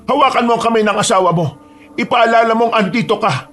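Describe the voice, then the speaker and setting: A man's voice: very high voice, fast, fairly bright tone, faint music behind, voice pushed up. A man voicing a worried older village mother who acts as midwife, with a commanding, urgent manner, in a horror story.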